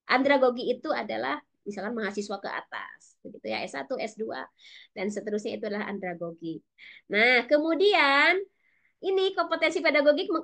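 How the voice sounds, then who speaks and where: A woman from West Java with a Sundanese-tinged accent. She gives a lively webinar lecture to teachers, talking fast and animated and addressing her listeners directly over a video call mic. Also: high-pitched. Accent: Sundanese-influenced Indonesian. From West Java, Indonesia (Sundanese). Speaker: teacher educator speaking at a webinar.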